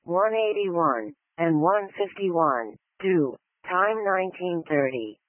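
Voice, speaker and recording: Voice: mid-range voice, animated, slow pace, no echo, phone-quality sound. An emergency dispatcher reading formulaic call announcements in a clipped manner, repeating each one, over a radio channel.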